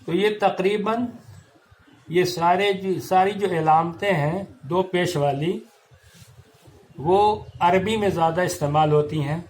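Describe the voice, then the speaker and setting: A man's voice: sits high, darkish tone, a little hiss or hum, low-quality recording. A male teacher giving a classroom grammar lesson, patiently spelling out letters and marks step by step.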